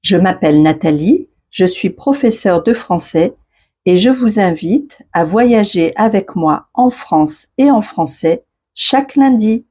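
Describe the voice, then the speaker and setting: A woman's voice: lowish voice, mellow, husky. A woman hosting an educational podcast as a French teacher, reading scripted narration with didactic phrasing for learners.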